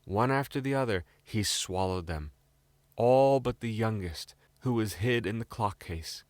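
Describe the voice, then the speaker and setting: Like a bedtime storybook recording, the sound is close and dry as a British male storyteller reads a scripted fairy tale. His voice sits slightly low, and he goes a little slowly.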